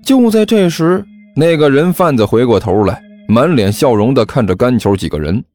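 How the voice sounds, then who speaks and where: A man narrating a comic story with a lively, expressive reading. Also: medium pitch, normal speed, soft background music.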